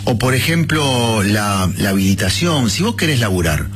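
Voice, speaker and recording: A man in his fifties with an Argentine Rioplatense accent, a former mayor turned politician, speaks as a guest on a radio interview. His voice is fairly low yet bright, with a sing-song lilt at normal speed, and he talks bluntly and colloquially with real conviction while faint music plays behind him.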